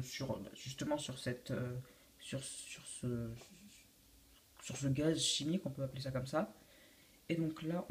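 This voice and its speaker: Teen guy showing off his lego build, halting, lots of euh, bit of hiss. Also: on the high side, darkish tone. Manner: hesitant, many fillers and restarts. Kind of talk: casual video walkthrough.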